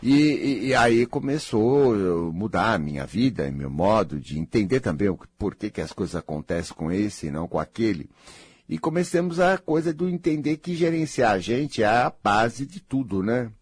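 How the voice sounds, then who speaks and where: Animated husky man teasing listeners. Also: fairly low pitch, normal speed, no echo. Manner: animated, teasing, mocking others' complaints; asks the listener many rhetorical questions. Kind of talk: motivational monologue.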